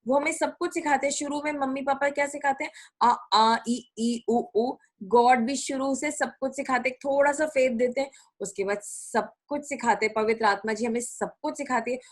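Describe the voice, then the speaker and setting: A woman's voice: high voice, steady tone, a little fast. A middle-aged woman preaching a sermon in a conversational way, repeating her points for emphasis. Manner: conversational Hindi-English mix, repetitive emphasis.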